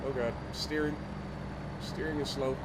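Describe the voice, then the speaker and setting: Heavy noise surrounds a man whose medium-pitched, blocked-up nasal voice stays fairly flat and unhurried. As a gaming YouTuber, he offers relaxed let's-play remarks on his farming game, filling gaps with ums as he thinks.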